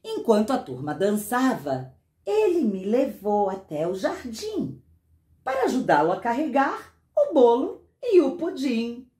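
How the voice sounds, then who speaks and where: A woman who writes children's books, telling a story in an expressive, sing-song way with dramatic pauses. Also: fairly high pitch. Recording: roomy echo.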